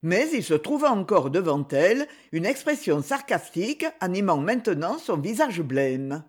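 A narrator reading a classic romance novel in an expressive, animated way. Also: mid-range voice, normal speed, slightly rough. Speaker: audiobook narrator.

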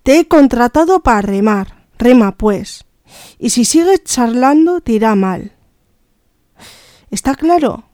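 A woman's voice: on the high side, expressive, takes it slowly, long pauses, mellow, no room sound, studio quality. A woman reading aloud voicing a cold, threatening male smuggler with curt, commanding orders. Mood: menacing.

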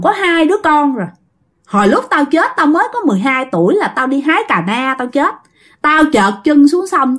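A woman's voice: high voice, a bit bright, pitched above the performer's own voice. A woman voicing the furious ghost of a girl who drowned, ranting scornfully through a possessed old woman.

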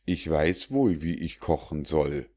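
A man's voice: very deep voice, animated, takes it slowly, a little mellow, heavily acted. A man doing an indignant cook. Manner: protesting, defensive. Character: indignant male cook defending himself. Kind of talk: storybook fable reading.

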